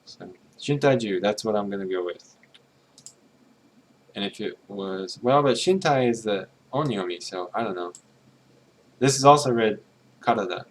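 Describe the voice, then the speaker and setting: Speaking at normal speed with frequent pauses, a low-voiced man muses aloud as he streams his translation of a game. He's a native English speaker who sounds tentative, testing and self-correcting readings and muttering Japanese ones to himself, with a bit of hiss or hum on the audio.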